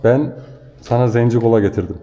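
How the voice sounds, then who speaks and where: A man's voice: mid-range voice, steady tone, a little fast, a loud crowd. A man working as a delivery rider and vlogger, chatting casually in street banter.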